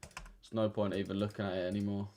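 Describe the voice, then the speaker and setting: Jeune homme à l'accent de l'Essex, bavard, voix un peu grave. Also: male voice, on the low side, level tone, fairly quick, warm tone, slight background noise. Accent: Essex English. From Essex, England. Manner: slangy, chatty, addresses chat directly. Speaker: trading livestreamer. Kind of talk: casual livestream chat.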